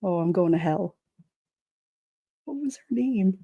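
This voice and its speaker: A woman's voice: mid-range voice, lively intonation, slow, slightly rough, muffled recording. Chatty New York woman, laughing often. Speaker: livestream host reading chat. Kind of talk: casual chat.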